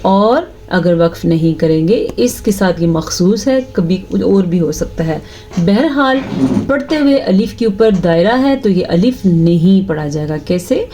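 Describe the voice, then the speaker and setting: A woman teaching tajweed, explaining each rule patiently and checking her students follow, then reciting verses slowly in a drawn-out chant. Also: fairly low pitch, animated, mellow, slight background noise. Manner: explains rules patiently, asks "ٹھیک ہے؟" after each point.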